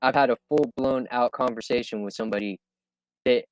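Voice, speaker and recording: A man chatting casually as a livestream guest, speaking in a halting, reflective way. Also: mid-range voice, fairly even intonation, clean tone, no room sound. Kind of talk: casual chat.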